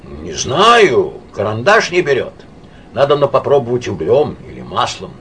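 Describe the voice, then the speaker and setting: A blunt, boisterous male painter, as a male reader does him, holding forth in a brash, lecturing storybook voice. His pitch swings widely from word to word. A mid-range man's voice with a faint hum behind it. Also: huge pitch swings, moderate pace, fairly bright tone.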